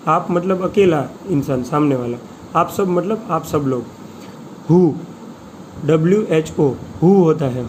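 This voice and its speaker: Man, slightly high voice, very slow word-list teacher, faint room noise behind. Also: a little mellow, low-quality recording. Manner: slow, deliberate, spells words letter by letter. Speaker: English teacher. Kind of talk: slow vocabulary lesson, reading word lists with Hindi meanings.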